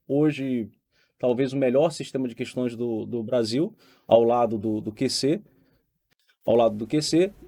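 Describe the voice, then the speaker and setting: A man's voice: fairly high pitch, dark tone. A Brazilian man, a law teacher for exam candidates, giving an emphatic motivational talk with personal stories and repeated phrases. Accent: Brazilian Portuguese.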